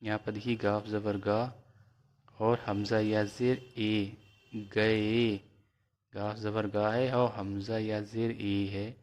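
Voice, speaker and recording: A man teaching a reading lesson, spelling out letters and vowel marks slowly and then blending them into words. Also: on the low side, level tone, a little mellow, smooth.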